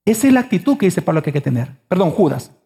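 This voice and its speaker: High-voiced male pastor preaching emphatically. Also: big pitch swings, fast talker, warm tone. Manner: emphatic preaching with rhetorical questions to the congregation. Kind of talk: sermon.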